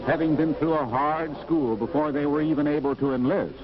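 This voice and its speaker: Man narrating an old newsreel, slightly high voice, formal and declamatory, dull lo-fi sound. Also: steady tone, fairly quick. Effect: old newsreel recording. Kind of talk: scripted documentary narration. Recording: dull lo-fi 1940s newsreel audio with music. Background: music score.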